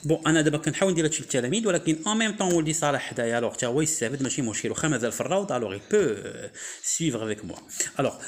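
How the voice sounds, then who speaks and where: A French reading lesson from a teacher with a Moroccan accent. The voice rises and falls widely. Each word is drawn out and repeated slowly, sound by sound, at home with a small child beside them. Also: mid-range voice, expressive. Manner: slow, drawn-out enunciation, repeating each word several times. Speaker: primary school French teacher.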